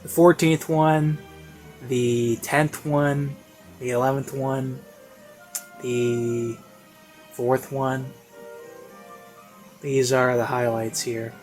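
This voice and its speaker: Very slow and flat, with long pauses, a slightly mellow mid-range male voice gives a rambling, informal video review. Phrases get repeated for emphasis, and baroque classical music runs in the background.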